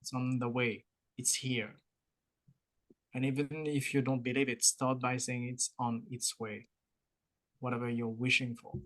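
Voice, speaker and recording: A man's voice: medium pitch, flat delivery, unhurried, long pauses, poor audio. A man with a French-Mauritian accent co-hosting a podcast, talking casually and motivationally, explaining through analogies with encouraging repetition. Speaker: podcast co-host.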